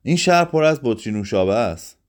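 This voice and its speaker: A man voicing a gruff but kindly young man in a read-aloud story, asking blunt, teasing questions. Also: mid-range voice, big pitch swings, close to an everyday voice. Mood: explaining.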